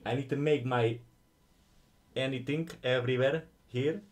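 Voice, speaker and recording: A Slovak-accented man in his thirties streams a game from home, joking with his chat in broken English through a headset mic. His mid-range voice stays steady and measured in pace.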